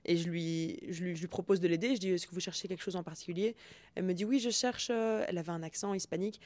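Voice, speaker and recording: A young woman, a guest telling stories in a lively way, acting out quotes and often restarting sentences. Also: on the low side, racing, no room sound. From Belgium. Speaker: guest, founder of a student dating group. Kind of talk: casual storytelling.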